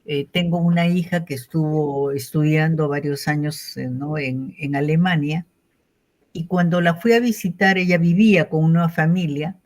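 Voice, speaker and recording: A woman with a Peruvian accent giving an online lecture in a warm, reflective way, often closing phrases with a questioning tag. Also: deep voice, steady tone, normal speed. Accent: Peruvian Spanish, from Callao. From Peru. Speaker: invited lecturer. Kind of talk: online conference talk.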